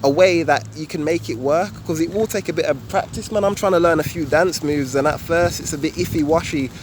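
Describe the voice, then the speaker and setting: A man's voice: fairly high pitch, brisk. A man giving an informal, repetitive explanation to camera, often tagging phrases with a slangy address. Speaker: video tutorial presenter. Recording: loud outdoor ambient noise.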